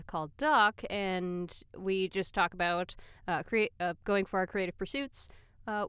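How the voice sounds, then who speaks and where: A woman's voice: mid-range voice, a bit bright, clean tone, no echo. A woman co-hosts a podcast in a casual, chatty way. She often restarts her sentences and laughs as she goes. She is speaking into a studio microphone in a library room. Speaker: podcast co-host.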